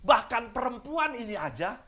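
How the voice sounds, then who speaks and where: High-voiced man preaching an animated sermon. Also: moderate pace. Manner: animated preaching, acts out voices, asks the congregation questions. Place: church service.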